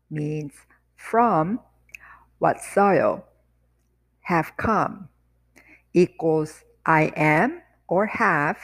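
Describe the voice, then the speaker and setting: A woman teaching Korean phrases in English, repeating each phrase slowly and then quickly. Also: on the low side. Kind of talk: slow, drilled language lesson.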